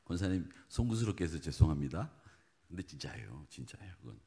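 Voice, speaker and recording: A man preaching a sermon as pastor, animated and talking straight to his congregation, dropping at times to hushed asides. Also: low-pitched, normal speed. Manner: animated, swings from loud exhortation to hushed whispered asides; talks directly to the congregation with questions. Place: church sanctuary.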